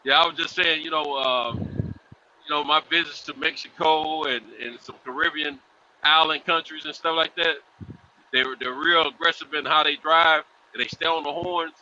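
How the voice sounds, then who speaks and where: A man's voice: fairly high pitch, fairly even intonation, normal speed, sharp tone. A man calling in over buzzy call audio that keeps breaking up, chatting casually with loose, slangy talk and lots of fillers. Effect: buzzy, glitchy call audio that breaks up. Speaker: remote caller in a group chat. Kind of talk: casual chat. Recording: muffled call line with faint hiss.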